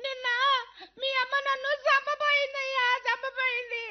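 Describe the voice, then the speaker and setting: A woman's voice: extremely high pitch, flat delivery, normal speed, crowd noise. A woman voicing a weeping young wife who pleads with her husband in a radio play. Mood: tearful. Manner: tearful, pleading. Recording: dull lo-fi recording.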